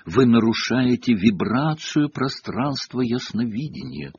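A man voicing a dreamy, eccentric older woman seer who teaches, speaking in a hushed, slow, mystical way. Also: medium pitch, big pitch swings, slightly rough, heavily acted. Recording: dull lo-fi cassette audio.

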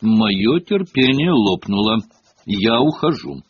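A man voicing a clever, scornful schoolgirl who is quick to anger and talks sharply and indignantly. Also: on the low side, very animated, darkish tone, slight background noise. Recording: dull lo-fi cassette audio.

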